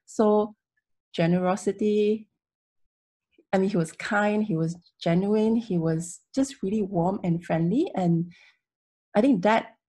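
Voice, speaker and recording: A woman's voice: medium pitch, slow, long pauses, warm tone, husky. A young woman giving a solemn, heartfelt, informal memorial tribute on a video call. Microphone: video call, computer microphone.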